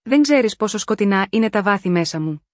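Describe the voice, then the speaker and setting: A woman voicing a brooding, tormented man in a romance story, speaking in a low, strained, intense way. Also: lively intonation, no echo, clean studio sound, lightly acted. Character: brooding tormented man, lover holding back.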